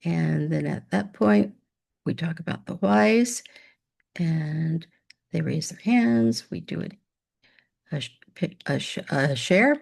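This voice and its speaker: A woman's voice: low voice, expressive, slow pace, vocal fry, pauses often, a little mellow. A woman teaching a demo math lesson over screen share, upbeat and chatty, talking to imagined students.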